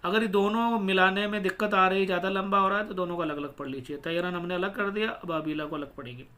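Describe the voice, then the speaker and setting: A man with a high, bright voice teaches a Quran reading lesson. He explains each rule patiently, then sounds out the words syllable by syllable at a slow, deliberate pace. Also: fairly even intonation.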